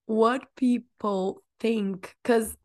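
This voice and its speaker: A woman hosting a podcast, chatting in a relaxed way and asking her guest friendly, open questions. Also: fairly high pitch, very slow. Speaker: podcast host. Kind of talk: casual podcast interview.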